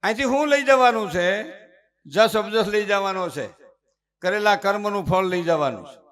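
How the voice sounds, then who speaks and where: Bright high Kathiyawadi man on stage. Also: expressive, moderate pace. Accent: Kathiyawadi Gujarati. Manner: preachy storytelling, mimics family members. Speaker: dayro folk comedian and storyteller. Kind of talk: live dayro stage talk. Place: live stage before an audience.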